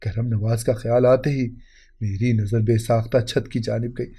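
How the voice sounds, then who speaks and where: A man's voice: mid-range voice, fairly even intonation, warm tone, breathy edge. A man narrating an emotional moral story in an earnest, heartfelt reading.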